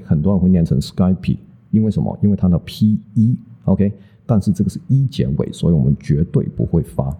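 Low, dark-voiced man teaching English sounds. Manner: chatty, peppers speech with "OK" and "好不好". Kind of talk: casual spoken lesson.

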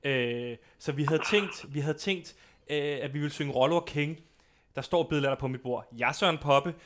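Loud, boisterous young man on the radio. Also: a little high, slight background noise. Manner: loud, boisterous, self-important. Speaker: radio host. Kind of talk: comedic radio banter. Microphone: studio microphone.

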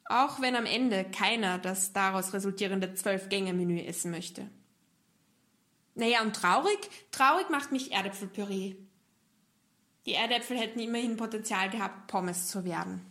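A woman's voice: medium pitch, moderate pace, pauses often, fairly bright tone. A woman with an Austrian German accent, performing a scripted cabaret monologue in a playful way. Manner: playful, acts out joke voices. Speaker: cabaret artist.

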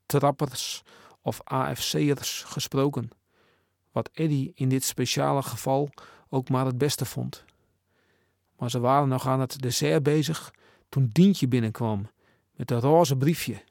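Gravelly male storybook narrator. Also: medium pitch, darkish tone, no room sound, clean studio sound. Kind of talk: storybook reading.

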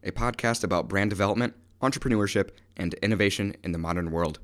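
A man's voice: deep voice, fast. A man hosting a podcast interview, reading a polite scripted intro and then asking questions with brief encouraging replies. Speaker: podcast host.

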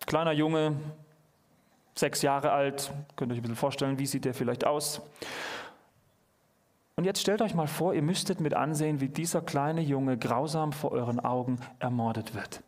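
A man preaching a sermon, earnest and questioning the listeners directly, pushing his voice up when he stresses a point. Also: fairly high pitch. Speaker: preacher at a youth church service. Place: church hall.

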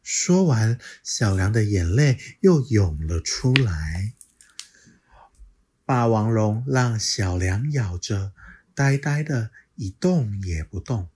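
A woman reading a children's picture book aloud as a storyteller, with expressive, measured narration. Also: very deep voice, slightly rough.

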